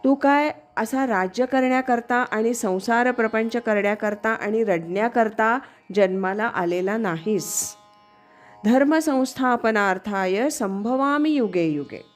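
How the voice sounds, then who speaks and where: A woman's voice: a little high, unhurried, soft background music, natural voice. A woman voicing a wise male yogi teacher who speaks in a firm, instructive manner within a religious story.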